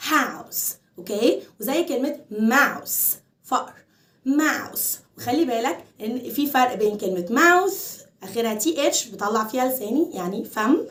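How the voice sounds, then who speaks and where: A woman's voice: fairly high pitch, fairly bright tone. Egyptian woman drilling English pronunciation. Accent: Egyptian Arabic. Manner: repeats each English word slowly several times. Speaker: English teacher. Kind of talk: pronunciation lesson. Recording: roomy sound from some distance off the mic.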